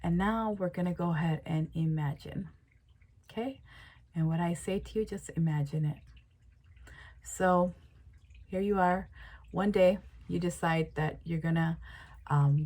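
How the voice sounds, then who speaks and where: A woman life coach talks listeners through an imagination exercise. Her voice sits on the lower side, and she speaks casually, repeating herself and leaning on fillers. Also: a little mellow. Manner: casual, repetitive, with frequent fillers. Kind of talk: guided visualization.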